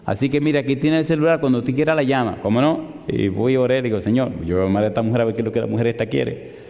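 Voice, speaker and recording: Un pastor que predica y cuenta una historia, imitando con viveza las voces de una llamada telefónica. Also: male voice, mid-range voice, rapid-fire. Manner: animated, acts out both sides of a phone call. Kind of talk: sermon with storytelling. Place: large hall in London. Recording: reverberant hall.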